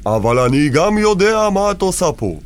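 A man's voice: high voice, sing-song. An actor playing a stern, protective older immigrant father who speaks broken Hebrew, in a radio drama.

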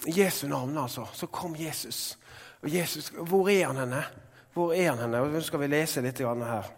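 A man preaching a sermon in a relaxed, conversational way, with filler words, who now and then rises to loud proclamations. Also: a little high, big-room sound.

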